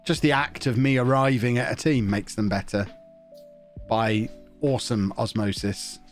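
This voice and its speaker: This streamer's mid-range voice stays steady at normal speed while faint music plays behind. He plays a football management game, chatting and joking, reading out viewer messages and humming, his nose a little blocked.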